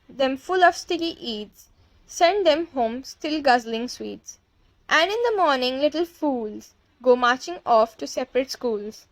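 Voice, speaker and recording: Nasty old witch from a kids book, high and slow, theatrical gloating, super dry recording. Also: fairly bright tone, no room sound, full character voice. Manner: theatrical, gleefully menacing, chanting in rhyme. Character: gloating, disgusting old Grand High Witch ranting to her audience. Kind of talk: storybook character voice in an audiobook reading.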